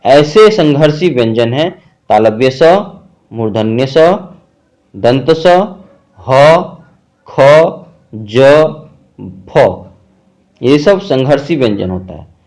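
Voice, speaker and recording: A man's voice: medium pitch, animated, darkish tone. A man teaching a grammar lesson, explaining step by step and listing examples one at a time with frequent check-ins. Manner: slow, methodical explaining with frequent "theek hai" check-ins.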